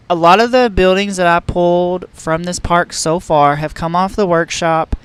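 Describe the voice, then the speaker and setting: A man with a fairly high, clean voice and no echo talks through a headset while streaming a park-building game. He's at home in a room with a heater, chatting casually and rambling with plenty of fillers and restarts.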